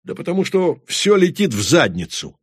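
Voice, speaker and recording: A man's voice: medium pitch, expressive, moderate pace, dry recording, clean studio sound. A man reading an audiobook, voicing a bitter male werewolf warrior who talks bluntly and swears. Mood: outraged.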